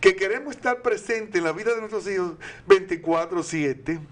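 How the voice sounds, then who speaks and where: Older Dominican man, high voice, earnest advice-giver, teaching tone. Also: moderate pace. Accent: Dominican Spanish. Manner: earnest and didactic, with rhetorical questions. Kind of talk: advice talk.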